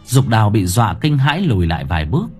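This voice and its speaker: A man narrating a horror story in a dramatic, expressive way. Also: on the low side, quick pace, faint music behind. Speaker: audiobook narrator.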